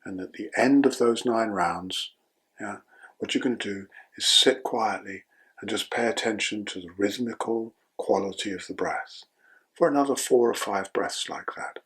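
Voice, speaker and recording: Older male breathwork teacher, low husky voice, calm patient instruction. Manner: calm, slow guiding with checking "yeah?".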